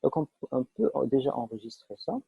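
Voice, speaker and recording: A man's voice: mid-range voice, very animated, normal speed, creaky, breathy edge, dry recording. A man teaching a live online programming class, explaining step by step with frequent fillers and checks that students follow. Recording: dull lo-fi online class audio.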